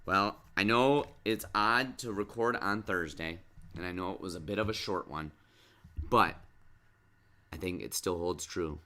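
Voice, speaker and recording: A middle-aged man with a very deep voice hosts a relaxed sports podcast alongside his child. His tone is bright and forward, and he patiently coaxes answers with one question after another. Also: a little slow. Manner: patient, coaxing, asks lots of questions. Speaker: podcast host and dad.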